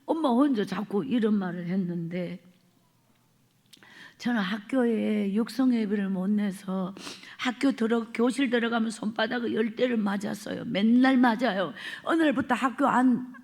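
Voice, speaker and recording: A woman's voice: fairly high pitch, moderate pace, a little mellow. A woman evangelist with a Gyeongsang accent giving a revival sermon testimony, telling her story dramatically and sometimes dropping to a whisper. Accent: Gyeongsang Korean. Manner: dramatic storytelling, acts out quotes, drops to whispers. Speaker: evangelist preacher.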